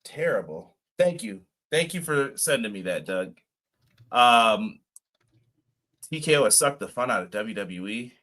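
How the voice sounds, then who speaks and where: Laughing often as he reads the chat out loud, a man co-hosts a live wrestling podcast in an easygoing, casual way. He speaks at medium pitch in a sing-song, fairly bright voice, a little on the slow side.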